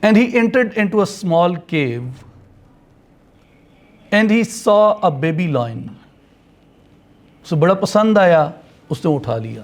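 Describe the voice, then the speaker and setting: Male lecturer from Punjab, storytelling, code-switching into English, slightly high voice. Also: darkish tone. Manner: mixes English phrases into speech.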